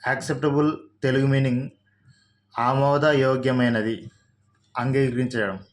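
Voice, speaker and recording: In this unhurried vocabulary lesson, the speaker, a man with a Telugu accent, says each English word, spells it out slowly letter by letter, and lists its meanings, using a level, mid-range voice.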